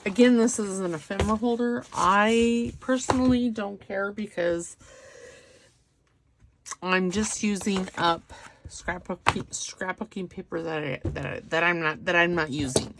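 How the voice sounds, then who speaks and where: Woman, middle-aged, craft tutorial host, unhurried delivery, gravelly edge, noisy home recording. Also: medium pitch. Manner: chatty, self-deprecating asides while working.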